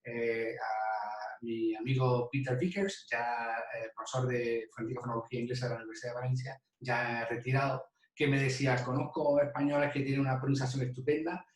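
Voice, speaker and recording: A man's voice: mid-range voice, level tone, fairly quick. A man lecturing teachers on English pronunciation, explaining step by step with frequent restarts. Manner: explanatory, with many restarts and repeated "de". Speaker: university lecturer in English phonetics. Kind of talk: recorded teacher-training talk. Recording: echoey room, mic at a distance.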